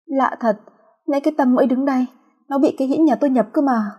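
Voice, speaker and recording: Woman doing a freaked-out young woman, high-pitched frantic yelling, stammery. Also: fast talker, slightly rough, dull audio. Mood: terrified. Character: terrified young woman, panicked and shrieking.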